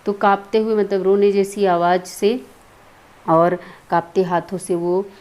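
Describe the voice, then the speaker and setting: A woman teacher walking through a lesson and explaining word meanings one by one in a steady, patient way. Her voice sits at a middle pitch for a woman. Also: unhurried.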